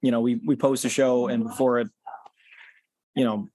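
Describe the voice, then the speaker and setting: A man's voice: medium pitch, moderate pace. A man, a podcast guest talking casually and explaining things, with frequent fillers and restarts. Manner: relaxed, many "um" and "you know" fillers. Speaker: podcast guest, concert organizer. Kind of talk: casual interview chat.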